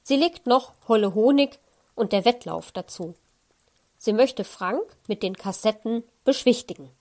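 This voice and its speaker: A woman narrating a children's audiobook in a calm, measured reading voice. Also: a little high. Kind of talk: scripted children's story narration.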